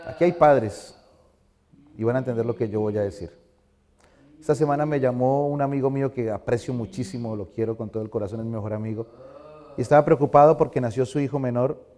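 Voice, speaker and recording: A man's voice: medium pitch, fast, dark tone. A middle-aged male pastor giving a conversational sermon in a church, asking the congregation questions.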